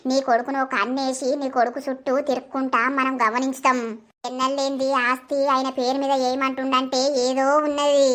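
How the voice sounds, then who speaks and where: A woman voicing a shrewd, bossy village neighbor in a cartoon, speaking briskly and commandingly. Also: sits high, level tone, fairly bright tone. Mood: scheming.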